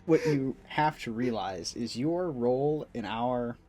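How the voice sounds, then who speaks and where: A man's voice: mid-range voice, slow, a crowd in the background. A man playing a tabletop game, chatting casually with wry, joking banter.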